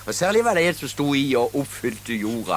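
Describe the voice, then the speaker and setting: A man's voice: mid-range voice, sing-song, a crowd in the background. An older man with a Southern Norwegian accent telling humorous anecdotes, often chuckling at his own jokes and restarting his sentences. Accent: Southern Norwegian, Kristiansand area. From Southern Norway. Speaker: storyteller.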